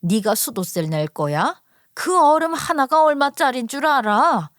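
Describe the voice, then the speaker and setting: A woman's voice: medium pitch, moderate pace, no echo, studio quality, lightly acted. A woman voicing a nagging, stingy old mother-in-law. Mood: scolding. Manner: harsh, nagging scolding. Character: stingy bossy older mother-in-law, scolding.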